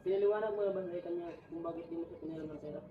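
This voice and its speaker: A woman voicing a calm adult man, a husband giving advice in an amateur family skit. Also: fairly low pitch, racing, roomy sound, far from the mic, phone-quality sound, pitched below the performer's own voice, natural voice.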